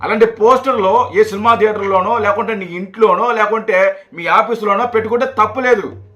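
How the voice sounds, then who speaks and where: A man's voice: high voice, brisk, sharp tone. A man giving heated, mocking political commentary on a video channel. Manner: mocking, scolding, repetitive.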